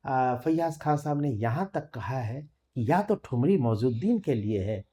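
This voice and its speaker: A woman who is a classical singer, explaining thumri in a thoughtful, measured way with frequent hesitant fillers. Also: extremely low pitch, lively intonation, warm tone. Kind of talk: explanatory talk with sung examples.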